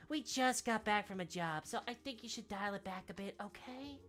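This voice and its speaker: A woman's voice: medium pitch, normal speed, fairly bright tone, soft background music, voice pushed up, natural voice. A woman voicing a level-headed, exasperated female game companion with a dry, formal, scolding manner. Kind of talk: video game dialogue read aloud by a streamer.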